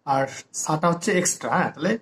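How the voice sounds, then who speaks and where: In an echoey room with a harmonium playing and some background noise, a man with a fairly high voice teaches the instrument step by step. He talks fast but explains the notation patiently and sings the note names as he plays.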